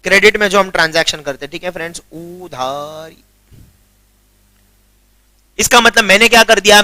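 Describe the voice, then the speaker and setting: High-pitched and bright, the young man's forceful voice carries a Gujarati accent in his Hindi, with no room sound. Hailing from Gujarat, India, he teaches commerce in a chatty lecture, sprinkling in English words and repeatedly asking whether students have understood.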